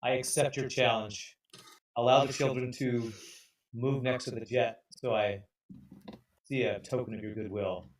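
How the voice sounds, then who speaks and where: A man's voice: medium pitch, steady tone, close to an everyday voice. A man voicing a terse, resolute male warrior in a tabletop game. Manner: terse, deliberate declarations. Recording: roomy sound from a distant mic.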